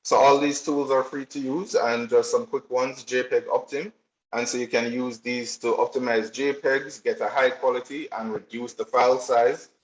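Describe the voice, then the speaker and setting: A man's voice: mid-range voice, fairly even intonation, moderate pace. A man giving a technical presentation, explaining steadily with frequent filler ums. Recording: roomy, slightly dull recording.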